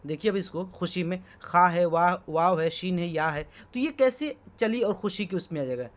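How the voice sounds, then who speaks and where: A man's voice: high voice, normal speed. A man teaching a lesson on poetry terms, who asks himself rhetorical questions, checks in with "okay" and spells words out letter by letter. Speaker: Urdu teacher. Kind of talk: exam-prep lesson explaining Urdu poetry.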